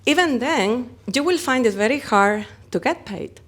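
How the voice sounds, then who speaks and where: Speaking at a fairly high pitch and moderate pace, a Spanish-accented woman from Spain, a company founder, gives an animated conference interview. She's expressive and likes to illustrate her ideas with vivid comparisons.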